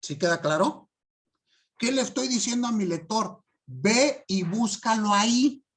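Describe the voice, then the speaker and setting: A man giving a class lecture, stressing key words and often asking students if it is clear. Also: sits high, lively intonation, a little slow, fairly bright tone. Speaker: law teacher.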